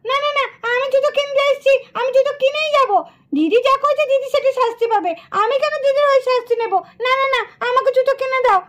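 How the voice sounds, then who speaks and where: A woman's voice: extremely high pitch, fast talker, a bit bright. A woman voicing a cheeky little girl who whines insistently for new shoes in a puppet show. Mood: demanding. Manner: whiny, insistent.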